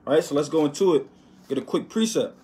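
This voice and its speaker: A man giving an informal Bible lesson, reading verses slowly and with emphasis, then dropping to a quiet "man" or "right?" after each point. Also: on the high side, animated. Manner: reads verses slowly and loudly, tags lines with "right?" and "man". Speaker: bible teacher. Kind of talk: informal scripture teaching.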